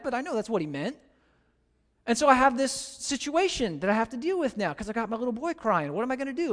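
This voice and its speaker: A man with an American accent preaching a sermon as a pastor, telling stories with big animated swings in pitch. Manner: animated storytelling, pitch leaping high in anecdotes. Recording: long reverb of a large hall.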